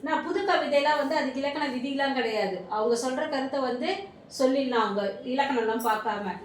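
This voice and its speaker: A woman's voice: sits high, fast, slight background noise. A woman teaching grammar in a classroom lesson, asking the class questions and answering them herself, over and over. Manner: repetitive, quizzing questions then answering them. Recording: echoey room, mic far off.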